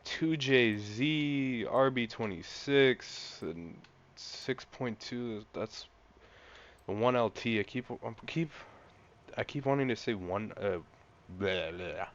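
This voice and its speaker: A young man giving casual, rambling gameplay commentary, an excitable car enthusiast talking through a car he's trying out. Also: mid-range voice, takes it slowly, dull audio. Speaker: gaming channel host.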